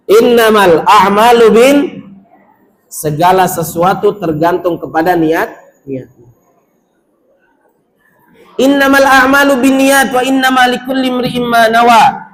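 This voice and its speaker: A male preacher giving a sermon to pilgrims in a mosque, urging them on, acting out doubting worshippers and chanting Arabic. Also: sits high.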